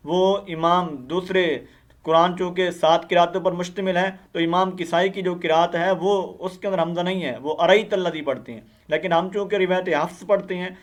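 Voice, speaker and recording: A man teaching tajweed, slowly reciting verses and then explaining the pronunciation faster. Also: high-pitched. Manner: slow drawn-out recitation switching to quick explaining. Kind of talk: tajweed lesson, spelling and reciting word by word.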